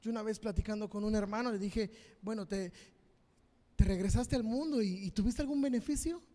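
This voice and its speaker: A man with a Mexican Spanish accent preaching a sermon as pastor, fervent and repetitive, swinging between loud and quiet. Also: sits high, fairly quick, in a large hall. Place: church hall.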